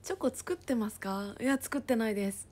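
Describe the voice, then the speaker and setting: A woman casually chatting on a livestream, reading viewer comments aloud and often dropping into a soft whisper. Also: on the high side, a little fast. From Japan.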